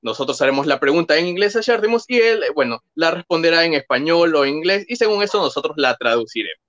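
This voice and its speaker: Lively man on slightly dull audio. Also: on the high side, fast. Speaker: co-host. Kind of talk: casual live-stream hosting.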